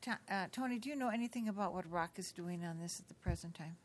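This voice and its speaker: A woman's voice: fairly low pitch, quick pace, background noise. A woman chairing a commission hearing, asking questions and clarifying details conversationally. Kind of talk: formal hearing.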